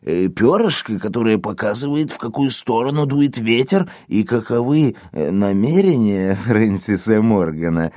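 A sly schemer mutters with a sour edge, as a male narrator puts him on. The voice is low and mellow but swings widely in pitch. The sound is dry and close. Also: animated, normal speed, hardly any pauses, no room sound, lightly acted.

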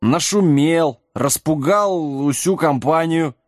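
A man's voice: on the high side, takes it slowly, a little mellow, dry recording, clean studio sound, voice pushed up. A man voicing a grumpy, indignant wizard who grumbles, in a storybook reading.

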